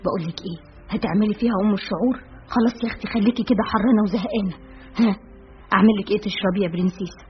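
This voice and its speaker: A woman with an Egyptian accent voicing a bossy, chatty young woman friend who banters rapidly. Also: mid-range voice, a little hiss or hum, close to an everyday voice. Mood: bossy teasing. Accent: Egyptian Arabic. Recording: dull lo-fi with faint music.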